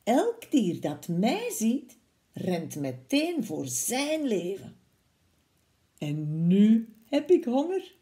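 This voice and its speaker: A woman's voice: on the high side, drawn-out words, exaggerated voice. Woman doing a boastful little mouse. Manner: boastful, lively. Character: brave clever little male mouse.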